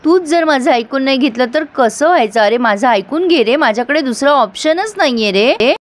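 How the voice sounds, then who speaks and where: A woman's voice: sits high, animated, normal speed. A woman voicing an earnest young husband who pleads to be heard. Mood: pleading. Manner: pleading, exasperated.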